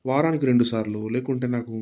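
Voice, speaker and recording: A man voicing a lusty old village grandfather in a cartoon, speaking in a low, drawling way. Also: quick pace, mellow, lightly acted. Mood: scheming. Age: older. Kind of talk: cartoon voice acting.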